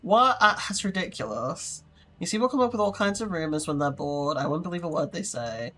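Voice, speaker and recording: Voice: mid-range voice, expressive, fairly quick, sharp tone. A curt, haughty mine boss who talks down to everyone and brushes off every question, as a streamer puts her on. She scolds and deflects in a middling voice, reading lines from a story game. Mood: defensive. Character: haughty woman mine owner, curt and defensive. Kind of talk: voicing a character in a game playthrough.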